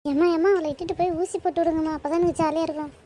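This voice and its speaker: A woman's voice: very high voice, fairly even intonation, racing, dark tone. A woman voicing a mischievous young girl in a cartoon who taunts and gloats at her sister. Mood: gloating. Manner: taunting, sing-song gloating. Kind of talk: cartoon voice acting.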